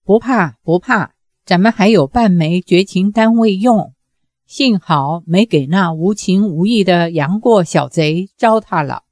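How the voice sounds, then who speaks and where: A woman's voice: fairly low pitch, unhurried, darkish tone, dry recording, clean studio sound. A woman voicing a fierce, embittered older mother who talks sternly and commands. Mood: soothing.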